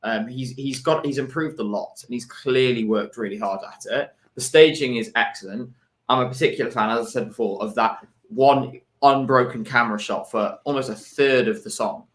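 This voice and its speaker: A man co-hosting a live stream, tired and given to yawning. He talks in a measured, hesitant way with frequent ums. His voice sits at a middle pitch for a man. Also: fairly bright tone. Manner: measured, hesitant, many fillers. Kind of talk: casual live-stream commentary.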